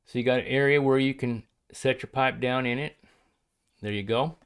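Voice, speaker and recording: A man's voice: mid-range voice, fairly even intonation, normal speed, smooth. Folksy man, casual vlog chat. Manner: folksy, hesitant, rambling. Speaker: pipe hobbyist and leather crafter showing his work.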